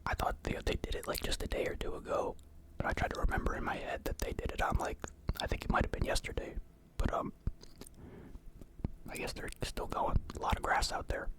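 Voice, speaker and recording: Whispering young man, casual ASMR rambling. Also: a little fast. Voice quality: whispered, unvoiced. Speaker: ASMR mukbang creator. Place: indoor room at home.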